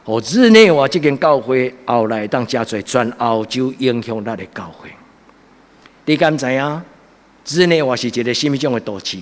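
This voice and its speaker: A man's voice: mid-range voice, animated, moderate pace. A man from Taiwan preaching a church sermon with a Taiwanese Hokkien accent, earnest and exhorting in his delivery. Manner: earnest, exhorting, swelling into loud emphatic passages. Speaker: pastor preaching a Sunday sermon. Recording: echoey hall with long reverb.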